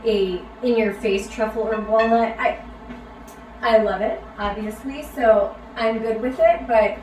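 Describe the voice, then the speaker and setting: A woman's voice: on the high side, measured pace, a little mellow. A middle-aged woman co-hosting a live cooking stream, playful and upbeat with viewers. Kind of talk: casual live-stream chat. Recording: roomy sound from a distant mic, faint background noise.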